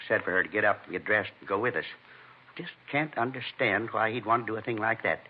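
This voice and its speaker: This is 1950s radio acting heard through a muffled, noisy old recording, where an American-accented actor voices a fifty-two-year-old husband, shaken and indignant after a robbery. Sounding distressed and bitter, he speaks haltingly, earnestly and plainly, repeating himself. The voice is lowish and close to everyday speech.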